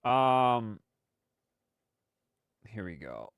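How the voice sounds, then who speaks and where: This host's lowish voice is sing-song, extremely slow, creaky, a bit bright and smooth, recorded cleanly in a studio with no room sound. Congested from a lingering cold, he gives rambling, casual commentary on his weekly live stream, full of fillers and restarts.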